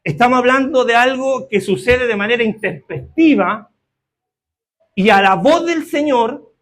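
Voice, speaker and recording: A man preaching a sermon. His voice sits high, and he keeps pausing to ask his listeners whether they agree before he presses on. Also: fairly bright tone. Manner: keeps asking the congregation for agreement.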